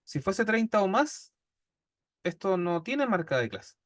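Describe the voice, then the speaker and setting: A man's voice: sits high, sing-song, unhurried, a bit bright, no room sound, clean studio sound. A man with a Chilean accent teaching a statistics class, explaining step by step and often checking in with his students. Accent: Chilean Spanish. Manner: patient, checks in constantly with "¿ya?". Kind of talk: classroom lecture.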